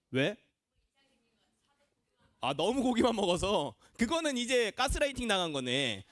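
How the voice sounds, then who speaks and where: A man's voice: very high-pitched, fairly bright tone, no echo. A young man, a junior pastor, preaching a children's sermon in a church classroom, quizzing the kids and acting out voices. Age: young adult.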